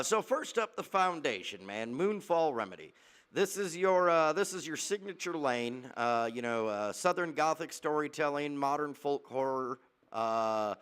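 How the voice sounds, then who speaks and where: Hyping his guest on a casual podcast interview, the host fills his introductions with "uh," "man" and other fillers. He has a medium-pitched, fairly bright voice that sounds clear and resonant.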